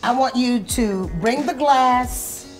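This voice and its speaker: A woman's voice: sits high, slow, faint music behind. A middle-aged woman walking a guest through a whiskey tasting in a restaurant bar, speaking on a lapel mic. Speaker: whiskey brand representative. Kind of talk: guided tasting talk. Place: upscale restaurant bar indoors.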